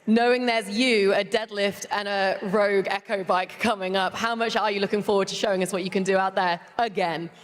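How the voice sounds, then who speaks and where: Female floor reporter, upbeat live interview, mid pitch, reverberant arena. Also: steady tone, fairly quick, hardly any pauses. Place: large indoor competition venue. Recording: reverberant large venue.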